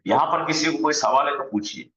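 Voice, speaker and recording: A man teaching an online Arabic grammar lesson, slowly drilling word forms aloud on a video call. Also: a little high, sharp tone. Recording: dull echoey room sound.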